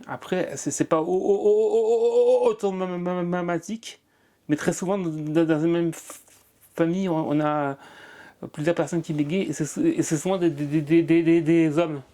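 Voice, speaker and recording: A man's voice: a little high, steady tone, measured pace, dark tone. A man from Marseille who is a comedian, talking in an interview with a strong stutter and many repeated sounds. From Marseille, France. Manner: strong stutter with frequent repetitions. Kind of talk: interview conversation.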